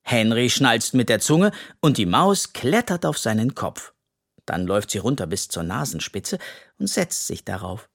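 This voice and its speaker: Gentle, animated narrator for a children's audiobook. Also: medium pitch, measured pace, vocal fry. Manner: gentle, lively reading. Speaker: storyteller.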